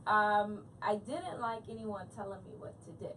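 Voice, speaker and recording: A woman in her forties from Texas speaks in a hoarse, raspy voice at a middle pitch. She chats casually as a guest, some distance from the mic in clearly noisy surroundings. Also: moderate pace, fairly bright tone. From Houston, Texas, USA. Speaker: radio show guest, hairstylist. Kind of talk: casual interview chat.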